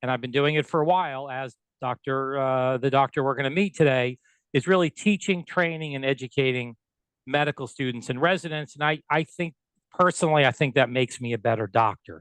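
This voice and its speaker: A man's voice: mid-range voice, a little fast, a bit bright, clean tone, no room sound, poor audio. Host: middle-aged man, friendly and upbeat, clean voice on a dry close mic. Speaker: podcast host, surgeon. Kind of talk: podcast interview.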